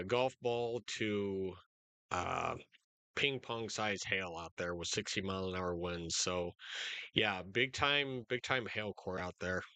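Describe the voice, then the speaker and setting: Man, crisp bright tone, dry close sound, casual halting live weather commentary, talking straight to viewers. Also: lowish voice, no room sound. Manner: informal, halting, addresses viewers directly. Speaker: storm-coverage livestream host.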